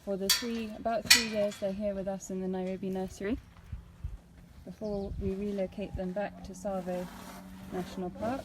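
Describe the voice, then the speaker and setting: A woman with a mid-pitched voice hosts a casual live tour outdoors. She sounds chatty and affectionate, with clear ambient noise and animal sounds behind her. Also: little pitch movement, moderate pace. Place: outdoors at an elephant nursery.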